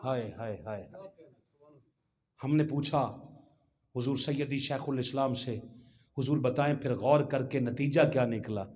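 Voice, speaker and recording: A man preaching a Friday sermon in a mosque. He acts out the voices he quotes and rises to shouts at times. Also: medium pitch, steady tone.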